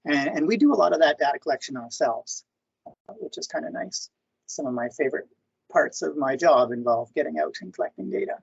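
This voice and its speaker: Husky, gravelly man presenting on a video call. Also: fairly high pitch, animated, a little fast. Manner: hesitant, many fillers and restarts. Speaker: government conservation presenter. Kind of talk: online information session presentation. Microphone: computer mic on video call. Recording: muffled lo-fi video call audio.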